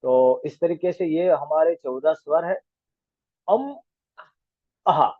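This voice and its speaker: Speaking slowly in a voice on the high side, a man leads a grammar lesson over video call, carefully sounding out each letter in turn. The call audio is tinny and dry.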